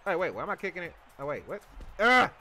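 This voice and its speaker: Man, gamer commentary, very high voice, hugely swinging intonation, playful, silly, prone to shouting. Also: fast, soft background music. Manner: excitable, bursts into shouts and yells; playful silly sound-making and chanting. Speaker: gamer playing a video game. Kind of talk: excited gameplay commentary, casual.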